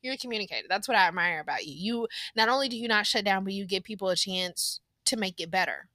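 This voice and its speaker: Woman podcast host, bright tone, dry close mic, chatty and laughs a lot. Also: medium pitch, fast, no echo. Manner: laughs often, chatty and animated. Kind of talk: casual family chat.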